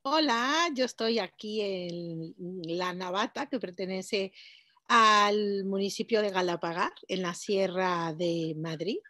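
Woman from Mexico, participant, relaxed chatty intro, mid voice. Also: medium pitch, slow pace, no room sound, studio quality. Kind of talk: casual self-introduction. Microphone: video call.

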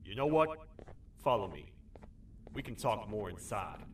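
A gruff toad sheriff from a video game, speaks in a fairly low, swinging voice. He is stern, wry and dutiful, a folksy lawman. The voice sits a little away from the mic with music behind it. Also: very animated, measured pace, recorded from a distance, background noise. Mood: gruff, wary. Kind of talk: video game character acting.

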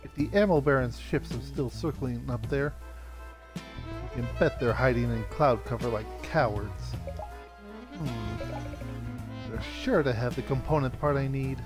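A man's voice: medium pitch, a little slow, long pauses, lightly acted. A man reading aloud the lines of a haughty, scheming female pirate queen villain from a video game, with game music playing behind. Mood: scornful.

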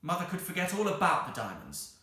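A man's voice: fairly high pitch, a little fast, heavy reverb, voice pushed up, full character voice. A man voicing a blunt, doubtful young girl from a children's storybook, grumbling and questioning. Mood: eager. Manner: flat grumbling and eager questioning.

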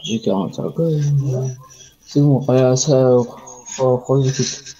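A man's voice: mid-range voice, level tone, unhurried, warm tone, breathy edge, highs cut off. A man streaming a game live, chatting casually, swearing and trash-talking at other players. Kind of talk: casual live gaming chat.

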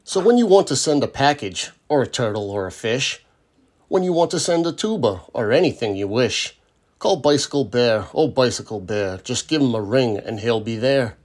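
A man at medium pitch and ordinary speed reads aloud from a children's picture book, using a lively storytelling delivery.

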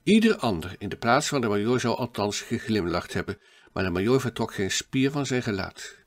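A man narrating a classic adventure novel in a steady, measured audiobook reading. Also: on the low side.

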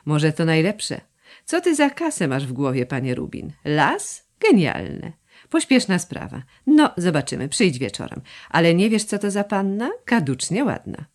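A woman's voice: fairly low pitch, very animated, measured pace, darkish tone. A woman voicing a cocky young male student in an audiobook, mocking and swaggering. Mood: sly.

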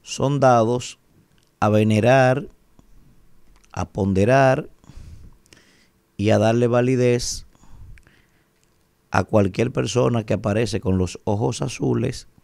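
Radio commentator, male, 40s, Dominican accent, gravelly and rhetorical, close dry studio mic. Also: on the low side, takes it slowly, long pauses, a little mellow, dry recording. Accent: Dominican Spanish. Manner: emphatic, rhetorical, keeps asking "¿verdad?". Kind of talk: opinion commentary. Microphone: studio mic on a boom arm.

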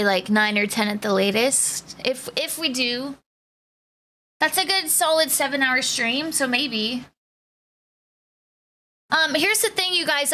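A woman live streamer chats casually with her viewers in a bubbly way, greeting each by turn. Her voice sits high and sounds bright. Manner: bubbly, greets viewers one by one, laughs often.

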